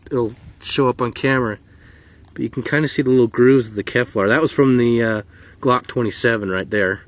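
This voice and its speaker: A man hosting his own video, giving casual, enthusiastic running commentary to the camera outdoors, chatty and full of pauses, picked up on a camera mic. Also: medium pitch, a bit bright. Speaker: video host. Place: outdoor shooting spot.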